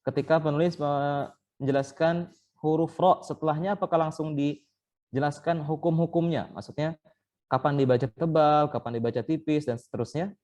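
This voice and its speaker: In an online training session heard through a call, a man with a fairly high, steady and slightly mellow voice teaches Quran recitation. Speaking at normal speed, he patiently works step by step, voicing individual letters to illustrate.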